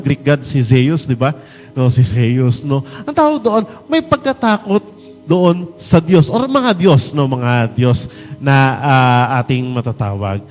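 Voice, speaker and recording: A Filipino man preaching a sermon in an animated way, mixing Tagalog and English and acting out the voices he quotes. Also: high-pitched, in a large hall. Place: church hall.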